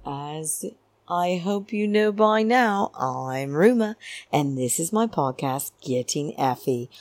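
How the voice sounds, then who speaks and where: A woman with a low voice hosts a podcast in a close, dry recording. She talks slowly and theatrically, stretching key words for emphasis. Her chatty recap is blunt and full of opinion. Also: lively intonation, a little mellow, dry recording, soft background music. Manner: theatrical, drawn-out emphasis, addressing listeners as darlings. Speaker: podcast host. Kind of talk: chatty reality-show recap monologue.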